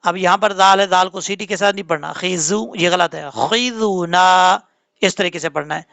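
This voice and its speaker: A man teaching Quran recitation rules in a tajweed lesson, spelling out letters and then reciting them slowly and drawn out. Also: high voice, steady tone, vocal fry, sharp tone, no echo, lo-fi sound. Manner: patient, drawn-out chanted recitation between quick explanations.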